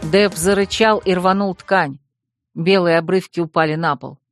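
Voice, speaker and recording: Audiobook narrator: measured, expressive delivery, mid-range pitch, dry close mic. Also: no room sound, faint music behind.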